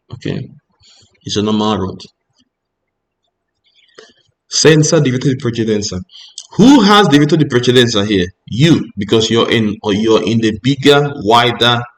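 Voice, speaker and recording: A man teaching a driving theory lesson, reading each rule aloud and then explaining it patiently, often checking understanding with a quick "Ok?". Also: medium pitch, fairly bright tone.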